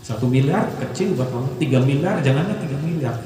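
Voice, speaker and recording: A man's voice: medium pitch, expressive, brisk, warm tone, slight background noise. A man as a business coach giving a motivational seminar talk, preachy and emphatic as he calls out to the audience. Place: large hall with a live audience. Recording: echoey hall, from far off.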